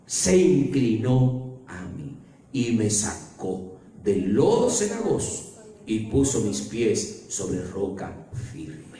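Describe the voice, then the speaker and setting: A male pastor preaching a sermon in church, swinging between low murmurs and loud climaxes. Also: slight background noise. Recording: very echoey church hall, mic at a distance.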